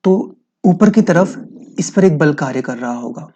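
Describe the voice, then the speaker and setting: A man's voice: fairly high pitch, expressive, measured pace, mellow. A man teaching a physics lesson, explaining step by step, asking his students questions and repeating key points.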